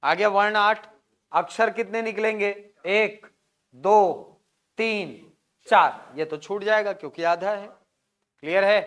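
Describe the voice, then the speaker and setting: A man teaching in a classroom with a board, sounding out syllables and asking again and again whether the class has understood. His voice sits high and carries a clean, clear tone. He speaks slowly, with a Chhattisgarhi Hindi accent. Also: fairly bright tone. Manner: drills syllables aloud, often checks if students follow. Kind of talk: classroom lecture.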